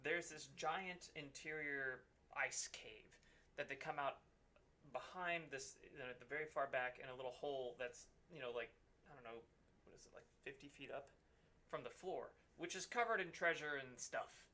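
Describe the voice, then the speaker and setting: A middle-aged man with a bright, forward voice of medium pitch recounts a roleplaying campaign. He chats casually as the game master, dropping wry explanations as he goes. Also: moderate pace, a little hiss or hum. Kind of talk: casual storytelling chat.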